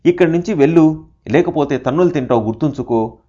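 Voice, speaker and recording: A man voicing an old holy man who is quick to anger but tender underneath, with a scolding, shouting way of talking. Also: medium pitch, natural voice. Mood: angry scolding. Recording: dull lo-fi recording.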